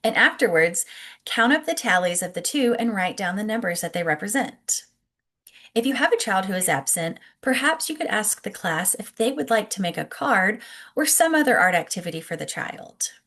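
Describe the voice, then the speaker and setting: Woman, mid-pitched voice, instructional narration, encouraging explainer, educator addressing teachers directly. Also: very animated, moderate pace, a bit bright. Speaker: early childhood educator presenting tips to teachers. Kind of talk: instructional presentation, scripted narration to camera.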